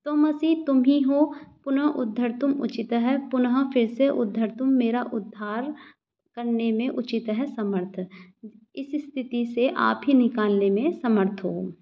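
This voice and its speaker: A woman teacher slowly explaining a Sanskrit text, repeating each phrase and translating it. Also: fairly high pitch. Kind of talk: line-by-line Sanskrit explanation in Hindi. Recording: dull lo-fi recording.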